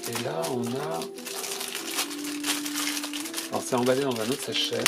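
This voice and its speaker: A toy unboxing YouTuber, stuffy from a cold, talks fast in a creaky, medium-pitched voice over loud background music. He describes each item for his channel in a hesitant, casual way, full of fillers.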